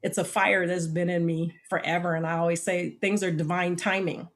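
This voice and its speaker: A woman in her fifties, a podcast guest telling personal stories in a lively, animated way and acting out the voices in them. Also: fairly low pitch, normal speed. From United States. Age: 50s. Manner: animated storyteller, acts out quotes, repeats "literally". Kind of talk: podcast interview storytelling.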